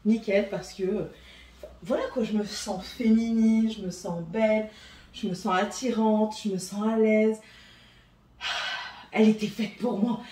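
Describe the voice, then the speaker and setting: A woman's voice: medium pitch, dark tone. A middle-aged woman with a French accent, chatting casually through a haul video with many hesitations and repeats. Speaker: vlogger.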